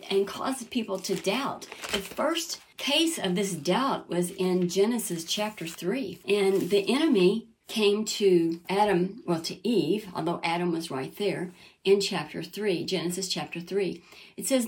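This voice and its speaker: An earnest woman preaching a sermon at a middle pitch. She reads scripture aloud and acts out the voices it quotes. She keeps asking her listeners "Amen?". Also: animated, a little slow.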